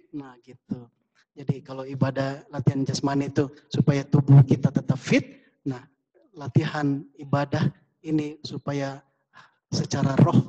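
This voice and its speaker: A male pastor giving a fervent sermon at a church service streamed over a video call, rising to high pleading tones. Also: mellow, poor audio.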